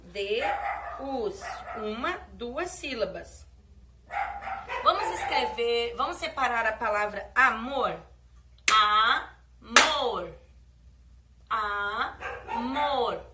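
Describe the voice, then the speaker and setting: A Brazilian woman teacher talking slowly and gently to small children, drawing out her words. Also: on the high side, recorded from a distance, background noise. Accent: Brazilian Portuguese. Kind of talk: children's lesson.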